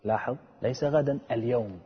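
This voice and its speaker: A man preaching a sermon with earnest, dramatic storytelling and a husky voice. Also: medium pitch, fairly quick. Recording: echoey and dull, long reverb.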